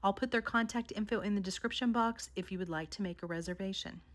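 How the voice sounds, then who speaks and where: A woman vlogger narrating a countdown of haunted places in a measured storytelling way. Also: medium pitch. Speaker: paranormal vlogger. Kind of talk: scripted narration.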